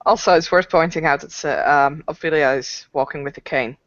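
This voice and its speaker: A woman playing a tabletop game, chatty and quick to laugh, on a dry, dull lo-fi recording. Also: low voice, fairly bright tone, no room sound. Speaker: player. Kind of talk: casual tabletop play.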